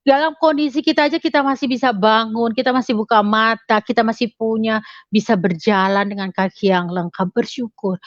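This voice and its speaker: A woman's voice: fairly high pitch, fairly quick, no room sound. A woman giving a casual motivational talk to her audience, chatty and full of fillers and tag questions. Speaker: motivational speaker. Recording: dry, slightly dull lo-fi sound.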